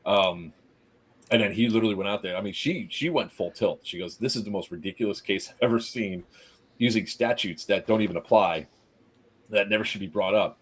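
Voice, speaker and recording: A man in casual conversation on a stream, telling an animated story, acting out quotes, laughing and swearing freely. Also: lowish voice, fairly quick, breathy edge. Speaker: stream co-host.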